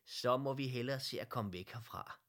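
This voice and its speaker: A man voicing a fussy female teddy bear who leads the group, hurried and stammering. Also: mid-range voice, fairly bright tone, natural voice. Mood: urgent.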